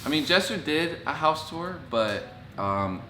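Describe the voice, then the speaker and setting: A young man hosting a casual Q&A with his housemates, talking loudly and with lots of laughter. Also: fairly high pitch, a little slow. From grew up in Houston. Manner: loud, animated, laughing. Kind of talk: casual group chat. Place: house room with friends. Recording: echoey room, faint noise.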